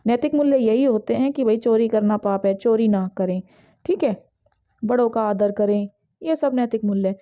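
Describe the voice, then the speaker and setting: High-voiced Indian woman teaching. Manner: reads English questions slowly, explains in brisk Hindi. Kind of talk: exam-prep lecture in Hindi and English. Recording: dull lo-fi audio.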